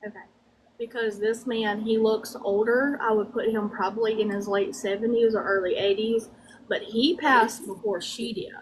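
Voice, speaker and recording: A woman's voice: on the high side, fairly even intonation, slight background noise, rough recording. Southern woman medium with a drawl. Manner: Southern drawl with folksy, halting, repetitive phrasing. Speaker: medium giving spirit readings. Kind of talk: conversational psychic reading.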